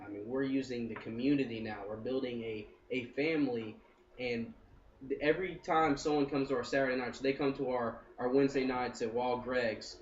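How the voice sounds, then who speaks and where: This medium-pitched male voice belongs to a co-founder in his early twenties, chatting cheerfully and loosely in an informal interview and saying "I mean" again and again. A faint hiss or hum runs underneath, and the sound is distant, dull and roomy.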